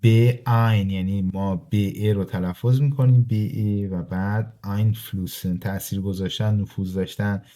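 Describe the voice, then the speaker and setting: A man teaching a language grammar lesson, reading example sentences slowly and then explaining them quickly to his students in a casual way. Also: fairly low pitch, steady tone, mellow. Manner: addresses listeners informally as "kids". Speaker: German teacher.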